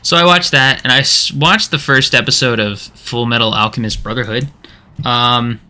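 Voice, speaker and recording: Bright-voiced man rambling while gaming. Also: medium pitch, steady tone, moderate pace. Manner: rambling, chatty, lots of fillers and restarts. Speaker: gaming streamer. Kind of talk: casual chat while playing.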